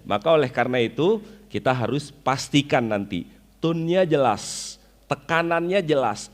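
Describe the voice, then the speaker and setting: A man from Indonesia giving a religious study lecture. He explains his points, recites Arabic verses and asks the audience questions. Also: mid-range voice. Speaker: Islamic preacher. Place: weekly study gathering.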